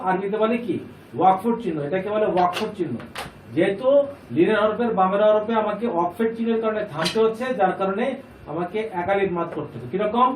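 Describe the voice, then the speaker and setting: A man with a high voice teaches a reading class, patiently repeating points and stopping to ask his students questions. He sounds far from the microphone in an echoey room, with faint noise in the background.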